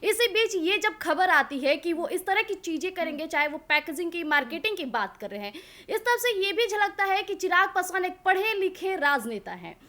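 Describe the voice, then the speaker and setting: A woman news anchor explaining points in a studio panel discussion, pausing now and then with filler sounds. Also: very high-pitched, big pitch swings, pushed and bright.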